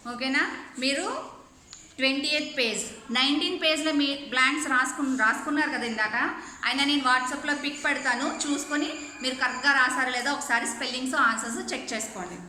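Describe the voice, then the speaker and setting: A woman's voice: high voice, fast, pushed and bright. A woman teaching an English lesson online, explaining step by step and often checking whether students follow. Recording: echoey room, faint ambient noise.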